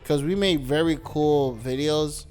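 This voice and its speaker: A man's voice: a little high, a little mellow, soft background music. Joking young man hosting a podcast. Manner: joking, teasing, quick to prod his co-host. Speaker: podcast host. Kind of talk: casual chat.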